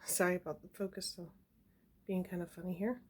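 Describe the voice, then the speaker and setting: A woman's voice: on the low side, little pitch movement, a little fast, darkish tone, breathy edge. A young woman chatting casually at home, showing an item to her camera with small laughs and plenty of fillers. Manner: chatty, giggly, many fillers. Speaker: homesteading vlogger. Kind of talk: casual show-and-tell. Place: home indoors.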